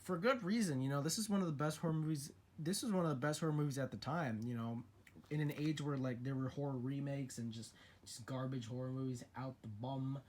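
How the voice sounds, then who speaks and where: A man's voice: mid-range voice, brisk, darkish tone. A young man in a casual vlog, talking through his horror movie collection in an opinionated, chatty way with frequent restarts.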